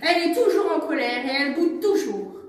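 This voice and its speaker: A woman storyteller telling a children's story with animated exclamations. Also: sits high, brisk. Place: museum. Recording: echoey room from far off.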